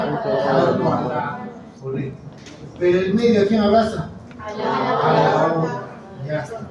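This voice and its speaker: A male anatomy lecturer teaching a class, quizzing students and encouraging them with frequent "very good.". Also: high-pitched. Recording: echoey lecture hall, mic far off, students audible. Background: students murmuring and answering.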